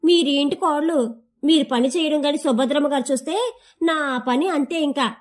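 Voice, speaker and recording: A woman's voice: sits high, moderate pace, natural voice. A woman voicing a chatty, teasing young maidservant who speaks in a rustic village dialect.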